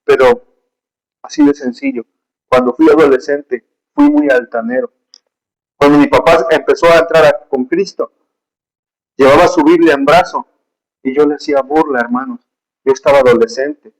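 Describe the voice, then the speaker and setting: A man's voice: fairly high pitch, animated, moderate pace, creaky, long pauses, rough recording. A man preaching a sermon with emotion and emphasis, telling personal stories, reading scripture aloud and calling his listeners brothers.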